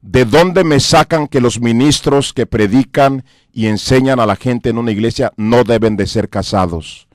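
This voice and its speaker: A man's voice: medium pitch, moderate pace, dry recording. A Mexican man and pastor giving an earnest radio sermon, repeating and listing his points with emphasis. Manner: earnest, repetitive preaching with emphatic lists. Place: radio studio.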